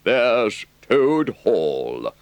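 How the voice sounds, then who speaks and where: A man voicing a good-natured, worldly river rat in an audiobook, with a deliberate, emphatic gentlemanly drawl. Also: lowish voice, huge pitch swings, no echo, pitched above the performer's own voice, heavily acted. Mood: fond, confiding. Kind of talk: audiobook character voice.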